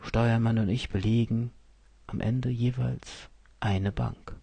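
Brief: a male first-person narrator, cold and measured, slow and dry-voiced. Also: medium pitch, steady tone, gravelly, dark tone, slightly rough, no room sound.

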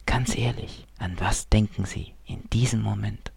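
A man voicing a gentle, tender woman who speaks in a soft, breathy whisper. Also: fairly low pitch, fairly even intonation, slow pace, dry recording, heavily acted.

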